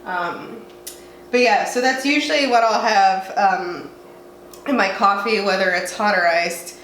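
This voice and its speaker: Unhurried and a bit bright, a medium-pitched female voice carries a young southwestern U.S. vlogger's casual, meandering, self-mocking chat at home, her nose blocked by a cold. The audio is roomy, with faint noise.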